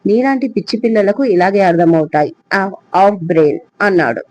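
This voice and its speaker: A man's voice: high voice, lively intonation, a little fast, darkish tone, no echo. A man voicing an arrogant, teasing young businessman in a storybook reading. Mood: mocking.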